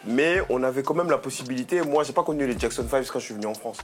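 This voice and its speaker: A man from Angola co-hosting a casual chat show, telling stories in a playful, animated way. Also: mid-range voice, quick pace. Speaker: co-host.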